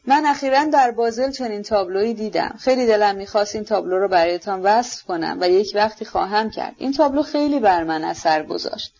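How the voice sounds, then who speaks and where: A woman reading an audiobook, voicing an earnest, gentle young prince who speaks with sincere feeling. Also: medium pitch, few pauses, muffled recording, lightly acted.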